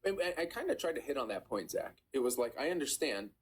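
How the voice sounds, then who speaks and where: A man's voice: medium pitch, very animated, slight background noise. An Iranian-American man hosting a live stream, chatting casually with callers and affirming their points. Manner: fast, conversational, affirming callers.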